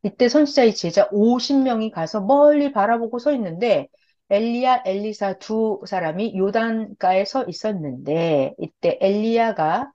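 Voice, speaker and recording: A woman's voice: medium pitch, normal speed. A woman preacher retelling a Bible story in a sermon and acting out the characters' lines. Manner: acts out the characters' lines in lively voices. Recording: dull lo-fi recording.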